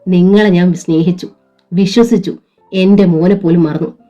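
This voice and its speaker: A woman's voice: lowish voice, steady tone, normal speed, warm tone, close to an everyday voice. A woman voicing a wronged young mother who answers with tearful, indignant defiance, in a dull lo-fi recording with faint music. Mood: bitter.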